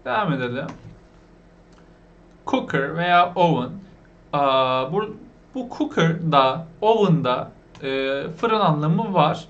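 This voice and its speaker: A man with a Turkish accent teaching beginners English vocabulary, asking questions and repeating each word slowly. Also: fairly high pitch, expressive, a bit bright, lo-fi sound. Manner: asks the viewers questions, repeats the words slowly.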